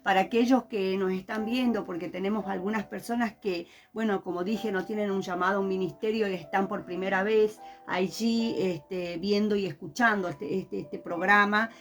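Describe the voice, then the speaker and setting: A woman's voice: medium pitch, fairly even intonation, moderate pace, few pauses, faint music behind. A woman hosting a program, speaking hesitantly with fillers to her viewers. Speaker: program host. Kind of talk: conversational hosting.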